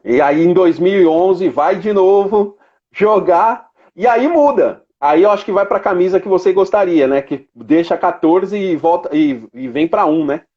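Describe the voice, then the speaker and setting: A man's voice: high-pitched, measured pace, muffled recording. A man hosting a casual live sports interview, chatty and prompting his guest with follow-up questions. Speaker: sports show host.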